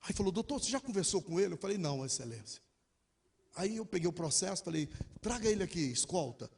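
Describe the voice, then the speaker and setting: A man's voice: high-pitched, sing-song, fast, vocal fry, a little mellow, slight background noise. A man preaching a sermon, telling an emotional personal story and quoting the people in it. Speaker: pastor. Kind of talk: sermon testimony.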